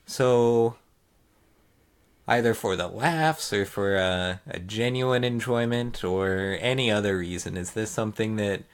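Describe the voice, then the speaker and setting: A man hosting a casual podcast, asking long, rambling questions in a relaxed way. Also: lowish voice, a little slow, clear, resonant tone. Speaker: podcast host.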